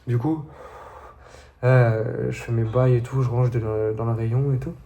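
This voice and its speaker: A man's voice: medium pitch, fairly even intonation, unhurried, warm tone, dull audio, slight background noise. A young man telling stories to his viewers in a casual, slangy, laid-back way. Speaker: vlogger. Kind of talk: casual storytelling monologue to viewers.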